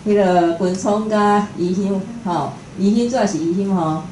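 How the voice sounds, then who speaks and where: A woman with a Taiwanese accent and a slightly mellow, medium-pitched voice hosts a live talk, informally introducing a guest speaker at a moderate pace. The indoor room is echoey, with faint noise.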